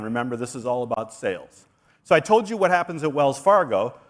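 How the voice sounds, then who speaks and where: A man presenting a keynote talk at a conference, energetic and persuasive as he walks through slides. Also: medium pitch. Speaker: conference speaker.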